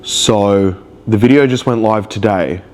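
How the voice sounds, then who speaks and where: His voice is on the low side, darkish and unhurried, and stuffy from a cold. The vlogger rambles with emotion through a confessional video diary, struggling at times to find the right words.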